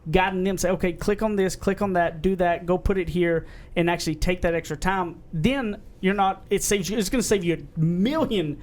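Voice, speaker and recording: A man's voice: high voice, normal speed, hardly any pauses. A man with a twang co-hosting a podcast in casual, rambling chat. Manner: rambling, earnest, self-described redneck voice. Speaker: podcast co-host.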